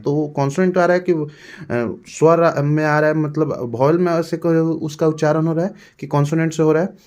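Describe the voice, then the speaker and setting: Higher-pitched man, Hindi accent, patient teacher who repeats words slowly. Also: darkish tone. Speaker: grammar teacher. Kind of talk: classroom lesson.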